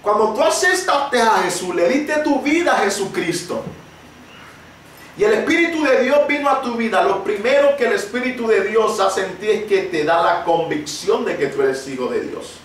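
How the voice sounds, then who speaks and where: A man preaching a sermon with personal testimony, impassioned and emphatic, rising to shouted peaks. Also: high-pitched, animated, moderate pace, slight background noise. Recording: very echoey room, voice far from the mic.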